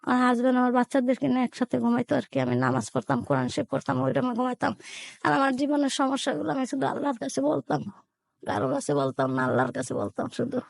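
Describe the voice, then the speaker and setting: Slow halting middle-aged woman, creaky. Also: high voice, expressive, dry recording. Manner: halting, repeats phrases, colloquial. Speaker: caller telling her life story. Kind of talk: slow personal storytelling.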